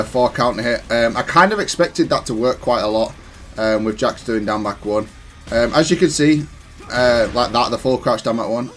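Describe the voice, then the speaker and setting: A man with a fairly low voice and a bit of hiss or hum in the recording talks casually through his own gaming match, analyzing his choices and sometimes correcting himself. Music plays behind him.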